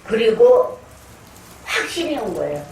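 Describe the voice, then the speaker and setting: Older woman preacher, unhurried and earnest, heard from afar in an echoey church. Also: fairly high pitch, big pitch swings, darkish tone. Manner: earnest storytelling, acting out her own prayers. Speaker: pastor. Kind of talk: sermon with personal testimony. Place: church sanctuary. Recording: echoey room, distant mic, faint noise.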